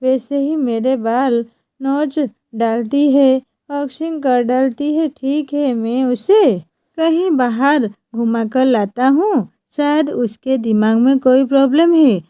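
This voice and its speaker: Put-upon young husband, a woman doing him, mild, pleading, mellow, dry. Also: high-pitched, slow, dry recording.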